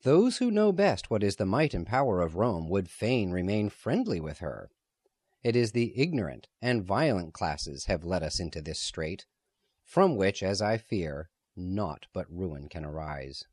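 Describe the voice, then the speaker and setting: A man's voice: low voice, sing-song, a little mellow, breathy edge, no echo, studio quality, heavily acted. A man reading the part of a grave, cautious man who warns gloomily about war. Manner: grave, measured.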